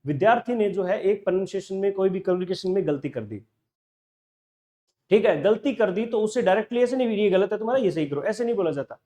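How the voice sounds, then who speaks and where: A man with a Rajasthani Hindi accent, working through a test paper as an English teacher. He reads each option slowly and then explains it in quick, conversational Hindi mixed with English. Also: sits high, a little mellow. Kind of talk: solving a test paper in a lecture.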